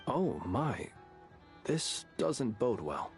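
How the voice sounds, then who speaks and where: A man voicing a calm, wry lighthouse keeper in a video game, with a courtly, gently teasing manner. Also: medium pitch, extremely slow, soft background music, heavily acted. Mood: wry, gallant.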